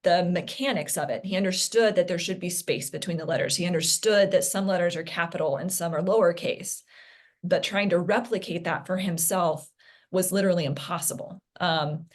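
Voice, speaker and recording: Earnest mother telling her story. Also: fairly low pitch. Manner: earnest, halting, many fillers and restarts. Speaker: parent telling her son's story as interview guest. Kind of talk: candid interview conversation.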